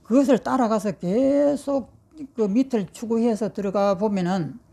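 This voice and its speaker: A woman's voice: fairly high pitch, normal speed, gravelly, warm tone. A woman, a Buddhist monastic teacher, giving a patient, explanatory dharma lecture. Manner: patient, explanatory, acts out inner voices. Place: meditation hall.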